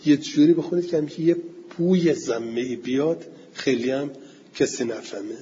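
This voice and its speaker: A man teaching Arabic grammar in a classroom lecture, reciting Arabic text slowly and then explaining it. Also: mid-range voice, dark tone. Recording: dull lo-fi recording with faint hiss.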